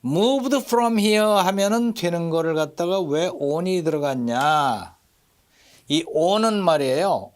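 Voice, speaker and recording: A middle-aged man teaching an English lesson, slowly repeating English phrases and marking their stress. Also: a little high.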